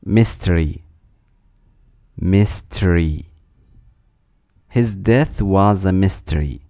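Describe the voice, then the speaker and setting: A vocabulary reader with a low, mellow voice works through a word list at a very slow, careful pace, repeating each word twice before reading an example sentence. The audio is close and dry, with no room sound.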